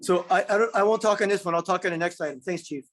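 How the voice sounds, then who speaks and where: A man's voice comes through a remote call that keeps breaking up, pitched high for a man and sounding dry. He gives a councilmember's report to a public meeting. He often repeats himself and stops to ask whether anyone can hear him. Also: fast talker, a bit bright, no room sound. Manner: repeats himself, checks if he is heard. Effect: remote call audio breaking up. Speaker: city councilmember.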